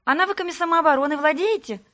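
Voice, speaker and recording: Woman doing pushy twin girls, squeaky high, rapid-fire questions, storybook. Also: sharp tone. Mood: eager chatter. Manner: rapid breathless questions, shrill. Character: lively teenage twin girls, chattering and pushy.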